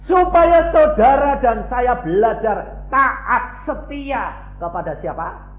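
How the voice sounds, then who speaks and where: A man's voice: very high-pitched, lively intonation, takes it slowly. A man around eighty with a Javanese accent preaching a sermon, teasing his congregation with rhetorical questions. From Central Java, Indonesia. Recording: tinny phone-like sound in an echoey hall.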